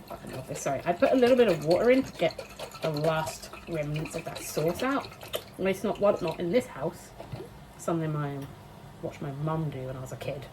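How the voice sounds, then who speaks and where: Cooking at home, a British woman chats casually for her vlog, cursing and laughing often, her voice stuffy and sniffly. It's a low, expressive voice delivered briskly. There's noise in the background.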